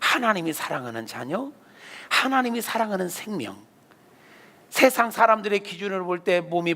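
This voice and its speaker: A male senior pastor preaching a sermon, telling a story with animated delivery. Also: sits high. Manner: animated storyteller, acts out voices.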